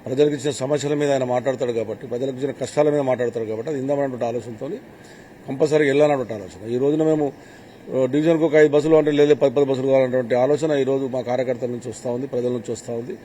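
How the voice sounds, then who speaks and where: Emphatic older man, fast, mellow voice. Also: mid-range voice, steady tone. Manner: emphatic, repeats points, rhetorical questions. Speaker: MLA interviewed by a reporter. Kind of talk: interview answers on camera. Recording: faint ambient noise.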